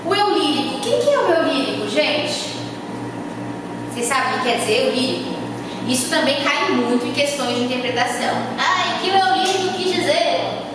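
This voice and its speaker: A woman's voice: sits high, expressive, brisk. A woman teacher with a Brazilian Portuguese accent, giving a classroom lesson and quizzing her students with questions as she explains. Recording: echoey hall from far off, noisy.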